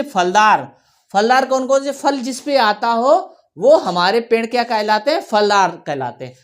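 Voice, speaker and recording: A woman teaching a children's workbook lesson, reading words slowly and repeating them for the class to follow, often checking in as she goes. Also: on the high side. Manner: slow, repeats words for children to read along; checks in often with "theek hai". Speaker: primary school teacher.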